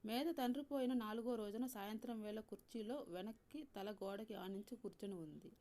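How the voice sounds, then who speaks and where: A woman with a Telugu accent reading a story aloud in a calm, measured way, softly voicing the characters. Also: mid-range voice. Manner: calm, measured reading with soft voiced dialogue. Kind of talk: scripted story narration.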